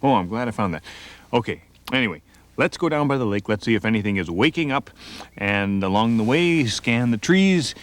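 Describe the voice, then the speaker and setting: A man's voice: mid-range voice, animated, moderate pace. A man hosting a nature show from a lakeside campsite, chatting playfully and straight to the viewer. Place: outdoors at a campsite by a lake.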